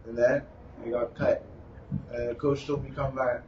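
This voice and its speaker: A young man with a Bahamian accent, a basketball player answering interview questions in a relaxed, plain way. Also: mid-range voice, moderate pace. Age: young adult. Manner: relaxed, plain, uses "like" and "you know". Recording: roomy, distant, dull with faint noise.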